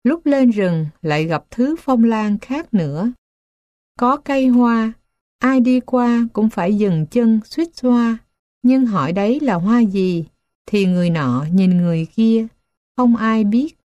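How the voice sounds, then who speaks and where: A woman reading children's stories aloud as scripted narration, with a slow, gentle storybook manner. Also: on the high side, lively intonation, no echo, dull audio.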